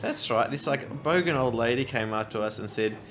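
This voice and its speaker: A man chatting casually as co-commentator, relaxed and laughing. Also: mid-range voice, normal speed, slight background noise.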